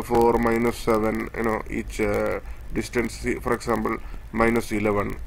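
A man giving a screen-share technical tutorial, explaining step by step in a halting way with many fillers as he points across a drawing. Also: mid-range voice, vocal fry, a little hiss or hum. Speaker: instructor.

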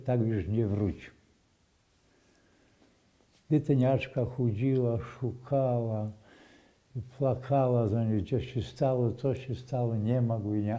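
An older man speaking in a recalls what he witnessed. He talks slowly and haltingly, in a very dark, mellow voice. He often breaks off, restarts and repeats phrases. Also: medium pitch. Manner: slow, halting storytelling with restarts and repetitions. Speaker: eyewitness. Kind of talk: oral history testimony.

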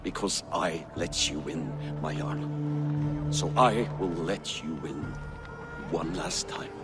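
A solemn veteran warrior from a Viking game. He entreats slowly, his pitch moving freely over a music score. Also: animated. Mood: resigned, solemn. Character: loyal-seeming veteran Viking warrior, pleading, grave. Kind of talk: dramatic video game acting.

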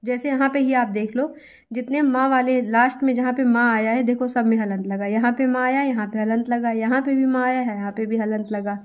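A woman's voice: on the high side, fairly even intonation, a little fast, darkish tone. A young adult woman teacher giving an exam-prep grammar lesson, talking straight to her students and reassuring them as she repeats each step. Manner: reassuring, repetitive, addresses students directly.

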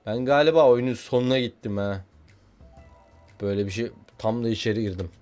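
A young man giving casual, excitable commentary while playing a video game, joking and shouting at what happens on screen. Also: medium pitch, brisk, soft background music. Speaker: gaming YouTuber.

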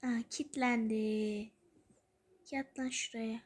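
High-voiced woman playing a horror game. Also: fairly even intonation, slow pace, slightly rough. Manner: swings between loud threats and hushed whispers; scared, swearing often. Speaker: gamer.

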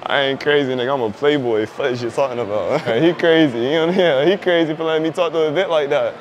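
A man's voice: fairly high pitch, quick pace, lo-fi sound. Brief: young man, slangy prank vlogger, street noise in the background, confident, loose delivery. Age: 20s. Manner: slangy, brash, joking. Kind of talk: street prank vlog, casual chat. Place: indoor mall and outdoor basketball court.

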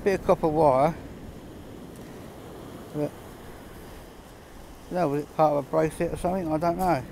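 A man's voice: on the high side, fairly even intonation, moderate pace, vocal fry, a little mellow, a little hiss or hum. A man giving casual running commentary while metal detecting on a pebble beach, chatty and understated, chuckling between finds, recorded on a handheld camera outdoors. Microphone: camera held close, filming his hands.

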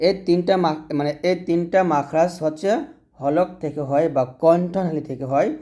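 A man with a dark, mellow tone gives a lesson on pronouncing letters. He explains patiently and repeats each point, drawing out the letter sounds as he demonstrates them. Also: on the high side, steady tone, moderate pace. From Bangladesh. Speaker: Quran reading teacher.

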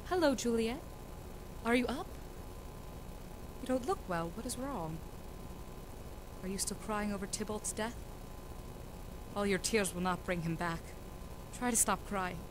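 Brief: a woman doing a stern, impatient mother, mid-pitched voice, noisy amateur recording. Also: animated, unhurried, long pauses, natural voice. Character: cold noble mother, impatient with her daughter. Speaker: student actor in a school reading.

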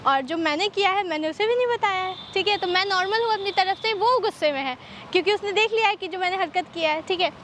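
A woman's voice: very high-pitched, fast talker, fairly bright tone, slight background noise. A young woman hosting a prank vlog, talking casually and teasing her boyfriend in a playful, coaxing way. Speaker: prank vlogger.

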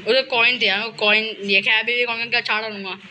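Young indian guy yelling at himself thru a scary game, super bright squeaky voice, faint noise behind. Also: fairly even intonation, brisk. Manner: panicky, talks to himself by name. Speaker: gaming channel host. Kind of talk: excited horror game commentary.

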